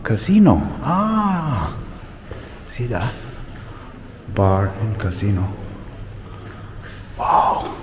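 Out on a town street, a young Romanian travel vlogger talks to his viewers, calling them "guys," exclaiming often at what he sees and using loose fillers. His fairly low voice is very animated yet extremely slow, with long pauses, and there's noise in the background.

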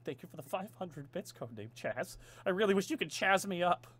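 Lively co-host, upbeat voice that swings all over, jokey and crude, fairly high. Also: male voice, brisk, slight background noise. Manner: excitable, joking, profane. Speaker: let's play co-host. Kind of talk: casual gaming commentary.

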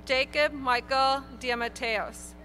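A woman reading graduates' names one by one at an outdoor graduation ceremony, in a clear, measured announcing manner. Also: high-pitched, fairly even intonation, bright, forceful tone, soft background music. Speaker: graduation name reader. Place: outdoor stadium ceremony over PA.

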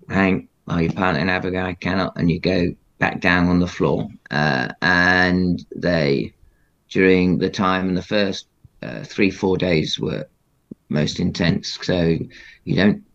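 A man's voice: sits low, creaky, breathy edge. A middle-aged man, a former aircrew guest, recounting his experiences in a blunt, matter-of-fact way and swearing freely. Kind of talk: candid interview recollection. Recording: slightly dull lo-fi audio.

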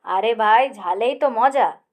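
A woman's voice: fairly high pitch, slow pace. Laid-back middle-aged husband, read by a woman, teasing tone, storybook. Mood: easygoing. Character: easygoing middle-aged husband, firm when needed.

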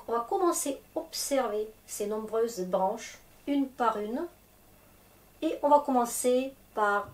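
Patiently and step by step, a woman explains a slow, clear language lesson in French. Her voice is a little high and a little mellow; she is a Russian teacher whose first language is Russian.

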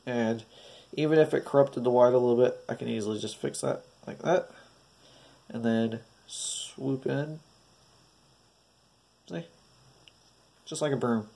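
A stuffy, nasal man narrates a casual craft tutorial, his mellow voice carrying a gravelly fry. He talks through each step in a hesitant, hopeful way. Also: medium pitch, fairly quick. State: stuffy, congested. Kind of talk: casual DIY painting tutorial.

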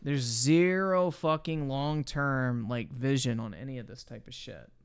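A livestreamer reacts to videos with casual commentary, blunt and slangy and full of swearing. His mid-range voice is smooth and measured in pace.

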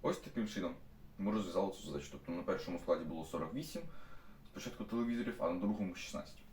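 Teacher, male, young adult, low voice. Explains problems step by step. Recorded from a distance in an echoey classroom. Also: racing, a little mellow, slight background noise. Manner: stops often to restate steps with fillers. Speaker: math teacher. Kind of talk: explaining math problems to students. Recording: echoey room, mic at a distance.

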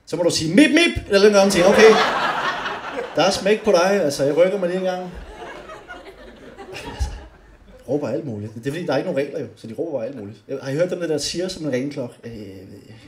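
A young man doing stand-up comedy on a club stage, animated and often shouting his punchlines. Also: fairly high pitch. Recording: roomy club with faint noise.

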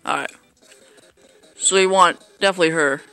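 Guy rambling thru a baseball game, lots of ums, bright sharp voice, dry close sound, faint music under it. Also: high voice, normal speed, clear, resonant tone, no room sound. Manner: rambling, self-mocking, hesitant with fillers. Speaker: gameplay commentator. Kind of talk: casual gameplay commentary.

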